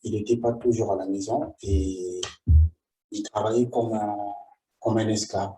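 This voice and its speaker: A man in his forties from the Republic of the Congo, speaking. He tells his own life story in a vlog, halting often and repeating himself. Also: fairly low pitch, steady tone, warm tone, soft background music. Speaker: vlogger.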